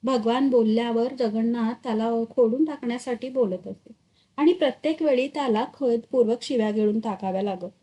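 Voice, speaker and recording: A woman reading a literary short story aloud, expressive and dramatic in her storytelling. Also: a little high, fairly quick. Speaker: story reader.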